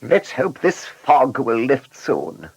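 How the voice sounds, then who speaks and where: A man's voice: mid-range voice, very animated, slow, vocal fry, breathy edge, no echo, voice pushed up, full character voice. A man voicing a reluctant, grumbling male passenger in a storybook.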